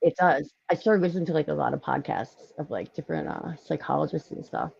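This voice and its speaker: A woman with a Philadelphia accent, hosting a casual live-stream chat, talkative and quick to laugh. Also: sits low, gravelly, breathy edge, muffled recording. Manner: chatty, lively, laughs often, many fillers. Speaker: podcast host.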